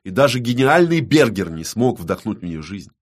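A man narrating an audiobook in an even, measured reading. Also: lowish voice.

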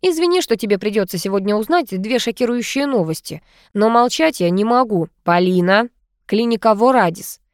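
A woman voicing a stern grown son who calmly accuses his wife, cool and cutting in manner. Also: high-pitched, normal speed, clear, resonant tone, no room sound, clean studio sound, voice pushed up. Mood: accusing.

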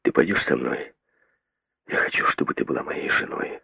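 A man voicing a gentle male doctor who speaks quietly and slowly. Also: no room sound, dull audio, natural voice. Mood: tender. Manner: quiet, slow and soft-spoken.

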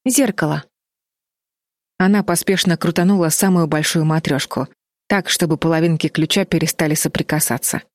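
Low-voiced woman narrating a story. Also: fairly even intonation, fairly quick, no echo, studio quality. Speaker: audiobook narrator. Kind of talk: scripted narration.

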